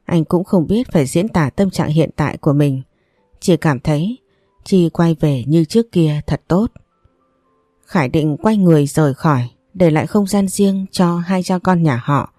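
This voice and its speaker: A woman narrating an audiobook in a calm, even storytelling manner. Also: deep voice, normal speed, no room sound, clean studio sound. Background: faint music.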